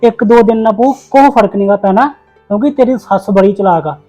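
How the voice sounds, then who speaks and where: A man playing a calm village man who shelters and reassures a young woman in a family drama. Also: sits high, fairly quick, faint music behind, close to an everyday voice. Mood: reassuring.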